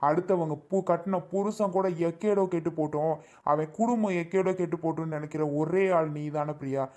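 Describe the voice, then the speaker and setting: A man's voice: on the high side, brisk, a little mellow, lightly acted. A man playing an angry husband who scolds and reproaches his wife in a family drama skit.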